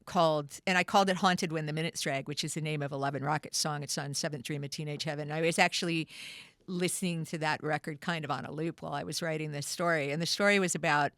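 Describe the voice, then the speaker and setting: Middle-aged woman, low voice, dry close sound, loose chatty storyteller. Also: steady tone, fast, a bit bright, no room sound. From Canada. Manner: rambling storyteller, lots of fillers and restarts. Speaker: guest musician and writer. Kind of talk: casual studio interview. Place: radio studio.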